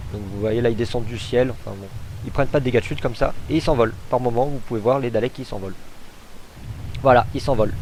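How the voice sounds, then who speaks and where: A man's voice: mid-range voice, gravelly, a little mellow, a little hiss or hum, poor audio. A man casually commenting on gameplay as he demonstrates a game mod, chatty and hesitant, thinking aloud with fillers. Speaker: gamer showcasing a mod.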